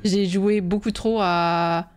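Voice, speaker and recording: A woman's voice: medium pitch, steady tone, takes it slowly, slight background noise. A woman chatting casually as a live streamer, informal and sweary in her reactions.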